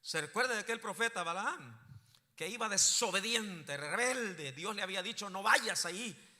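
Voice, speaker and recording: A man's voice: high voice, expressive, moderate pace, bright, forceful tone, big-room sound. A man preaching a sermon, rising into emphatic bursts and asking the congregation questions. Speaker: pastor.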